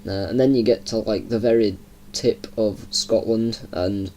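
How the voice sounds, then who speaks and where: A man's voice: lowish voice, steady tone, measured pace, slight background noise. Chatty young man with a Yorkshire accent. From Yorkshire, England. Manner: chatty and rambling, laughing softly now and then. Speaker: gaming channel host. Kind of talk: casual gameplay commentary.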